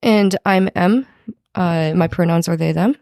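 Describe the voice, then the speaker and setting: Podcast co-host, woman, low and creaky with strong vocal fry, casual chat, dry sound. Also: measured pace, dark tone, dry recording. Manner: informal, swearing, frequent "like". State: husky from recent covid.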